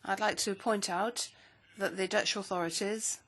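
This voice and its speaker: Her mid-range voice stays even and measured as a woman renders a speech into English as an interpreter during a parliamentary hearing.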